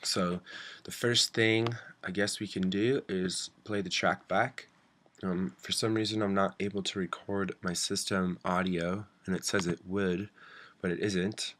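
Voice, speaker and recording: A man with a stuffy voice from a cold, casually walking a friend through a music software tutorial. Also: low voice, steady tone, a little slow, a little hiss or hum. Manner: casual, with fillers like um. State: stuffy, under the weather. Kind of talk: screen-recorded software tutorial.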